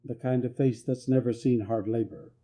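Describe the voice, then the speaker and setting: A man reading a western romance story aloud, calm and measured. His voice is deep and very dark in tone, with an even, steady pitch. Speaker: narrator. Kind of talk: scripted storytelling narration.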